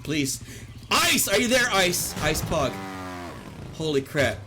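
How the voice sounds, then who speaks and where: Very animated yet slow, this man's high, pushed, bright voice carries over slight background noise and video game music. He's live-streaming a game and casually chatting with viewers, teasing, joking and laughing a lot.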